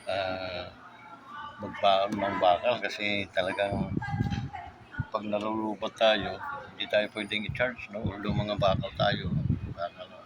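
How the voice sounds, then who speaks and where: Man, vlog host, rather low voice, a bit hoarse, rambling jokey chat. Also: flat delivery, a little slow. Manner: joking, rambling, tags phrases with 'no?'. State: a bit hoarse after a recent illness. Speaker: motovlogger host. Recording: vlog with loud background noise.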